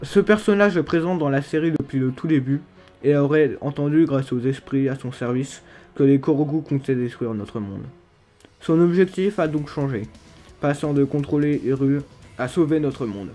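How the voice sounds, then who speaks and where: A man's voice: fairly high pitch, normal speed, dark tone. Lisping man with slushy sibilants over music. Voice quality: lisp with slushy sibilants and slurred articulation, from a dental brace. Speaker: video game theory YouTuber. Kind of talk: humorous scripted theory narration. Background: background music.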